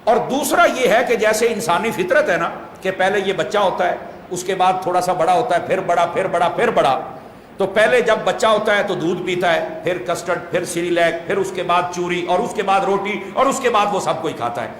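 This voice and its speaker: A man's voice: sits high, fairly bright tone, slight background noise. A man gives a sermon. He explains points patiently and puts rhetorical questions to his listeners. His voice rings with a long hall echo over faint room ambience. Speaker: preacher.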